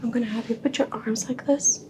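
A woman doing an ASMR role-play as a security inspector, giving polite, procedural instructions in a soft, breathy soft voice. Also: fairly high pitch, steady tone, fairly quick, heavy background noise. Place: small carpeted room indoors.

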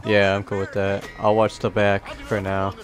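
A man's voice: lowish voice, monotone, normal speed, over loud music. A man joking and swearing in casual gaming banter. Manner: profane, joking. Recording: noisy game voice chat, clicks.

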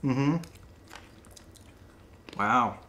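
A man's voice: mid-range voice, drawn-out words, pushed and bright, dull audio, a little hiss or hum. A man co-hosting a snack taste-test video in casual chat, joking and laughing often. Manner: playful, laughs often, jokey.

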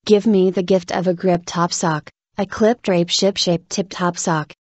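A woman reading scripted tongue twisters aloud with careful, deliberate articulation. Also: fairly low pitch, fairly even intonation, husky, dry recording, lo-fi sound.

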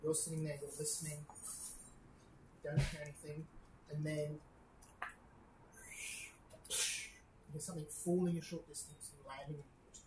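A woman with a low voice narrates a tabletop game as game master, improvising scenes haltingly. She sounds echoey, with clear noise in the background. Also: little pitch movement.

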